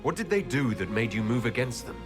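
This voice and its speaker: A man voicing a serious, thoughtful male elven leader in a video game, with an earnest, deliberate, probing manner. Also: medium pitch, very animated, over music, natural voice. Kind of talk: dramatic video game dialogue.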